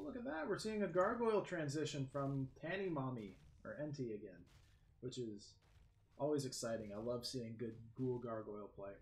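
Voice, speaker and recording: A man commentating a strategy game match, lively play-by-play that jumps up in excitement. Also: medium pitch. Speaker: game caster. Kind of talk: esports commentary. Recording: echoey room with faint background noise.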